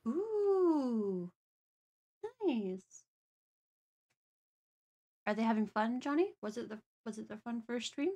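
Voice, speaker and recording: A woman's voice: on the high side, animated, slow pace, long pauses, dark tone. A woman co-hosting a live stream, chatting casually and reading viewer messages aloud. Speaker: streamer co-host.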